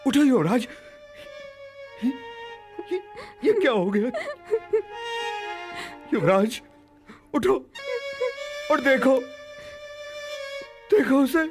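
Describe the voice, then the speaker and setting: A woman's voice: high-pitched, very animated, extremely slow, long pauses, pitched below the performer's own voice, heavily acted. A woman voicing a grieving young princess in a radio drama, speaking in a solemn, declamatory way. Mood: pleading. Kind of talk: Hindi radio-drama acting. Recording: music playing behind.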